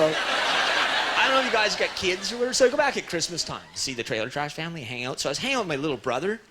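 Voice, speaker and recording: Lively-voiced stand-up comedian, crowd laughing. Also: male voice, a little high. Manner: animated storytelling, acts out characters, frequent "right?" and "you know?". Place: comedy club stage. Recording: loud audience noise in a broadcast stage recording. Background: audience laughter.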